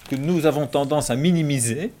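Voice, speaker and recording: A man from Belgium with a Belgian French accent, explaining Bible principles in a measured, conversational way with everyday examples. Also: a little high, dark tone, a little hiss or hum. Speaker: Bible discussion speaker.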